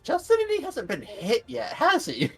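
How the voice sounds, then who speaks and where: A man's voice: extremely high pitch, wildly swooping pitch, normal speed, vocal fry, fairly bright tone, breathy edge. A man chatting casually as a player in a tabletop game. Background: faint music.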